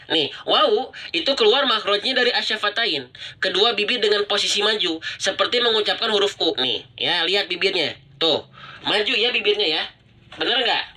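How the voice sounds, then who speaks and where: Bright-voiced man teaching recitation. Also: high-pitched. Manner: repetitive, drawn-out pronunciation demonstrations; chatty, addresses viewers directly. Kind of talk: live-streamed tajwid lesson.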